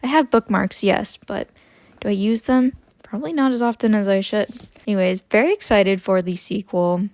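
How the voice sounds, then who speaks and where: A young woman in her twenties chatting casually about her book haul, expressive and prone to tangents. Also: mid-range voice, moderate pace, no room sound. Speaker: book vlogger. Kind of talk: casual chat about books.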